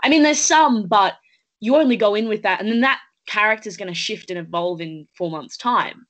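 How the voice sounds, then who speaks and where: A woman's voice: mid-range voice, moderate pace, fairly bright tone, lo-fi sound. A young woman in her late teens from Australia, an actress talking earnestly in a casual interview over a video call from home, thoughtful and chatty with plenty of fillers. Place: indoors at home. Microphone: laptop webcam on a video call.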